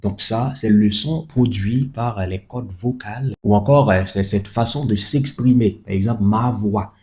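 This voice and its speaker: A man's voice: on the low side, measured pace, darkish tone. A man teaching a French lesson, spelling words letter by letter, repeating each example and adding chatty asides to the listener. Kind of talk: explaining a language lesson.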